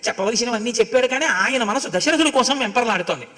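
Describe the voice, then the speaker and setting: A man giving a devotional storytelling sermon who chants scriptural verses slowly and then explains them. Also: very high-pitched, expressive, pushed and bright. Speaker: religious discourse speaker.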